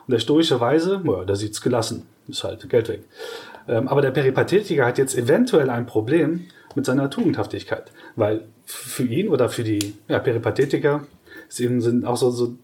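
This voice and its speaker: A man co-hosting a podcast, explaining ideas in casual conversation with hesitant restarts and lively, exaggerated examples. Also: mid-range voice, fairly quick. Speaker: podcast co-host.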